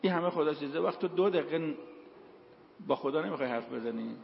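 A man delivers a sermon and weaves in stories and quoted verses. His voice sits fairly high and has a gravelly edge. It was recorded in a reverberant hall with muffled, lo-fi sound and faint background noise. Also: expressive. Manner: storytelling, quotes Quranic verses. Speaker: preacher. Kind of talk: sermon with told anecdotes. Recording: echoey hall, dull lo-fi sound.

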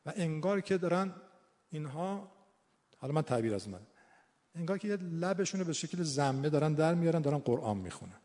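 A man's voice: a little high, big pitch swings, dark tone. A man from Iran giving an informal recitation lesson, thinking aloud and repeating key words for emphasis. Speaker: Quran recitation teacher. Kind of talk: informal teaching talk. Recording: long hall reverb.

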